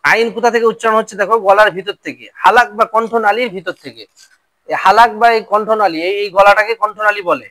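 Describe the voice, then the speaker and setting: A man's voice: high-pitched, fast talker, sharp tone, no room sound. A male Quran reading teacher drilling Arabic letter sounds and quizzing pupils in a classroom lesson.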